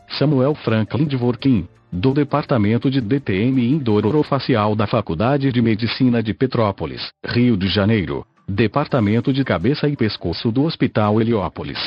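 Synthesized Brazilian male narrator, husky and lo-fi. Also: fairly low pitch. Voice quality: synthesized text-to-speech voice, like an old speech synthesizer. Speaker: podcast narrator. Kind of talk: scripted narration, reading an article. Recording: dull lo-fi audio with faint music.

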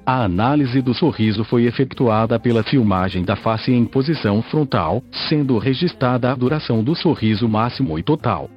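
A computer-generated male voice hosts a podcast and reads out a scientific article. The delivery is measured and even, at a middling pitch. The recording sounds dull and lo-fi, with faint music playing underneath. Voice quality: synthesized voice. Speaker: podcast host. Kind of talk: reading a scientific article aloud.

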